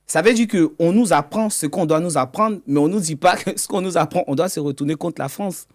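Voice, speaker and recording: A man's voice: on the high side, brisk. A man, a guest in an interview, explaining his work as an economic intelligence consultant. He often stumbles and repeats words mid-sentence.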